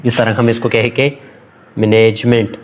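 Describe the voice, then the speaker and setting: A man giving an informal recorded English grammar lesson, hesitant, with many fillers and restarts, slowing down to dictate English sentences. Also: mid-range voice.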